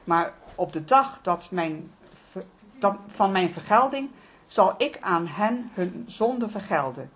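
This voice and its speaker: A middle-aged woman reading Bible passages aloud and explaining them to a study group in a calm, measured way. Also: mid-range voice. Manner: calm, measured, with occasional restarts.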